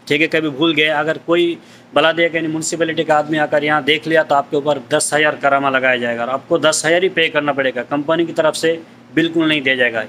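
A man talks viewers through his shop-floor job in a casual, chatty vlog, leaning on the same little fillers again and again. His voice sits a bit higher than most men's. A phone picks him up in the aisles, with faint store ambience underneath. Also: sharp tone, a little hiss or hum. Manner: chatty, frequent filler "theek hai" and "doston". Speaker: vlogger showing his supermarket job. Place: supermarket aisles, indoors.

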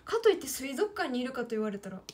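Sing-song and high, with a quick pace and a slightly mellow quality, this voice belongs to a late-teen idol livestreamer from Kyoto, Japan. She chats in Kyoto Kansai dialect while drawing, talking to her audience and herself and using her own name.

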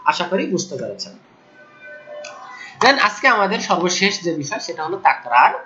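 A male Quran teacher gives an online tajweed lesson at a measured pace. He drills each letter sound slowly and more than once, and fills the gaps with a steady "okay". The recording sounds a little dull and lo-fi. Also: sits high, soft background music. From Bangladesh. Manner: patient, repeats sounds slowly and says "okay" often.

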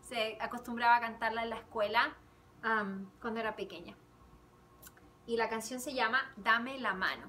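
Teacher lady, bright high voice, slow and gentle, sounds a little far from the mic in a classroom. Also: a little hiss or hum. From Chile. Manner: switches between Spanish and English, sings with ukulele. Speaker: kindergarten teacher. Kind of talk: bilingual song lesson. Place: classroom indoors. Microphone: camera a few feet away.

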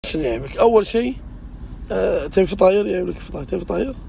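A man's voice: high voice, expressive, racing, gravelly, crowd noise. A man, chatting earnestly and insistently with a friend inside a car. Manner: earnest and insistent, swears he means it. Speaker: vlog host. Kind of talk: casual chat.

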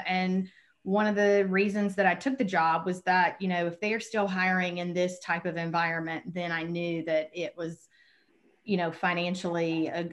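A woman speaking frankly as a panelist on a video call. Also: on the low side.

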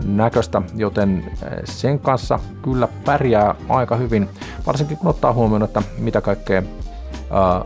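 Calm, low-voiced man reviewing gear. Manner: calm, unhurried, frequent hesitant fillers. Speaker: sailing channel host. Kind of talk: camera review talk to camera. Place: small home studio with desk and monitor.

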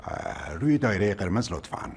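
A rigid, rule-bound male attendant in a TV comedy, repeating his instructions with stiff formality. His lowish voice leaps wildly in pitch. Faint ambience hums behind him. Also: wildly swooping pitch, vocal fry, darkish tone, slight background noise, exaggerated voice. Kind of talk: TV comedy acting.

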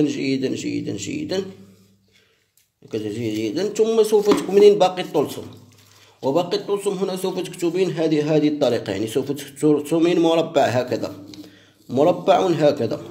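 Man, from Morocco, instructional talk, slow repetitive dictation, mellow dark tone, slightly high pitch. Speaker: sheikh teaching a ritual.

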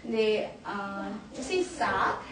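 Animated woman teacher trainer. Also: medium pitch, drawn-out words, distant mic, crowd noise. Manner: animated, laughing, mixing English into Korean. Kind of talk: classroom storytelling workshop. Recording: echoey room, recorded from afar, noisy.

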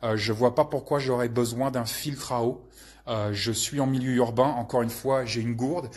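A man with a husky, slightly rough voice talks through viewer questions in a loose, off-the-cuff way. He hesitates constantly and throws in crude slang, sounding relaxed and unscripted. His pitch sits right in the middle for a man. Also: normal speed. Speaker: channel host answering viewer questions. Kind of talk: casual live Q&A chat.

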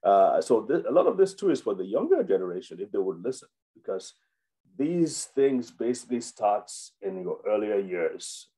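Man, doctor, health webinar, low pitch, mellow tone, unscripted with fillers. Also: big pitch swings, normal speed, slightly rough, rough recording. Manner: unscripted, many fillers and restarts. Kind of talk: informal health talk.

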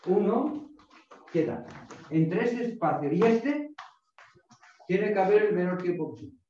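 A middle-aged karate teacher with a high, expressive, mellow voice runs drills unhurriedly in a small indoor home dojo, barking counts and short commands like a gym coach. A distant camera across the room makes the recording echoey and dull, with faint noise.

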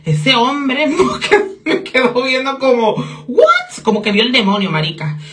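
A woman's voice: high-pitched, lively intonation, normal speed, fairly bright tone. A young woman vlogging a gossipy story casually, giggling, swearing freely and dropping in English phrases.

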